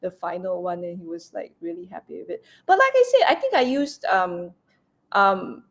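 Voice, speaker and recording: A woman's voice: lowish voice, expressive, moderate pace. A woman chef chatting as an interview guest, rambling with lots of fillers and restarts, breaking into laughter. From Asia, Cantonese-speaking region. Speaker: raw food chef and cookbook author, guest. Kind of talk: casual interview chat.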